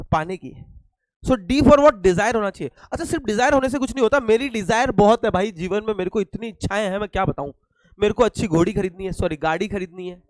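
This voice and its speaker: A high-voiced young man with an Indian accent gives an online lecture, his throat a little hoarse. He teases his students and fires questions he answers himself. The sound is close and dry, with no room around it. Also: no echo, rough recording. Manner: joking, asks and answers his own questions. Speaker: teacher.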